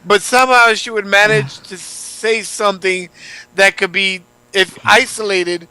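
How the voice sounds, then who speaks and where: Male co-host, bright and high voice, playful teasing, casual. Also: steady tone, measured pace, clean tone, no echo, low-quality recording. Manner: teasing, laughing. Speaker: podcast co-host. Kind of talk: casual joking chat.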